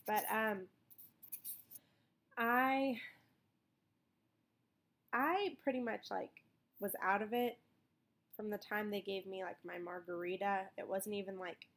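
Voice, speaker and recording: A young woman chats informally as if to followers of her vlog. Her mid-pitched voice has noticeable creak and fry. She rambles in an everyday way, dropping in "like" as she goes. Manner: rambling, informal, with frequent "like" asides. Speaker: vlogger recovering from surgery. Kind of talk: casual chat vlog.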